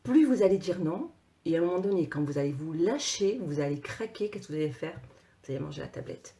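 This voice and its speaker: A woman coach talking casually to her viewers, animated, with many repeated words and restarts. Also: sits low, a little fast. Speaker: personal coach and author.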